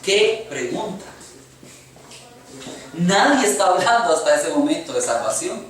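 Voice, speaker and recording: A man's voice: sits high, big pitch swings, measured pace, distant mic. Male pastor, Costa Rican accent, earnest sermon, rhetorical questions, very echoey church hall, faint room hum. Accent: Costa Rican Spanish. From Costa Rica. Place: church sanctuary.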